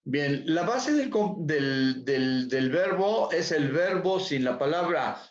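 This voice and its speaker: A man's voice: on the high side, lively intonation, slow pace. A man teaching English over a video call, repeating words and checking on his students. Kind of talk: online class teaching. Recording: dull echoey room audio.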